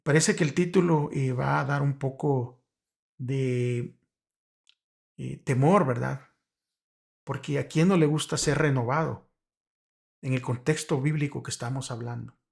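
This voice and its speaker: Gravelly-voiced man teaching a Bible lesson. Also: medium pitch, unhurried, pauses often. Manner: explanatory, frequent rhetorical "¿verdad?" and hesitant restarts. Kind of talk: Sabbath school lesson review.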